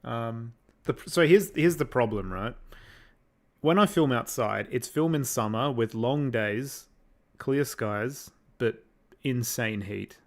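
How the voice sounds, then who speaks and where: A young Australian man chatting casually on a livestream while he works on effects, rambling and thinking out loud as he answers chat. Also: medium pitch, slow. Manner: rambling, thinks aloud, reads out chat questions. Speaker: livestreamer making visual effects.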